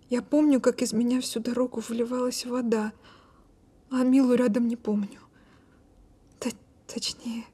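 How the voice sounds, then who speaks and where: Guilt-ridden woman patient, high breathy voice, halting, near-whispered, distraught audio drama delivery. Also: warm tone. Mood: stunned, hushed. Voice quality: breathy, often dropping toward a whisper. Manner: slow, halting, repeating words.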